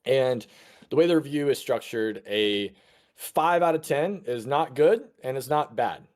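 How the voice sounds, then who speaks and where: A man's voice: medium pitch, lively intonation, measured pace, a little mellow. A man in his thirties co-hosting a casual podcast, chatty and explaining things plainly. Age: 30s. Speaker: podcast co-host.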